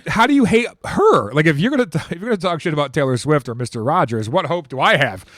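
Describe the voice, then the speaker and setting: A man's voice: fairly high pitch, lively intonation, fast, a bit bright, no room sound, studio quality. A middle-aged man from the United States, a guest musician in a casual interview, speaking candidly and self-deprecatingly, often repeating words and trailing off. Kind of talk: casual conversation.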